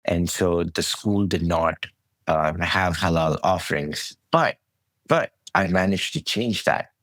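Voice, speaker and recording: A middle-aged man from Saudi Arabia, a podcast guest telling his story in a relaxed, conversational way with frequent restarts. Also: low-pitched, takes it slowly, no room sound. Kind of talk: conversational interview.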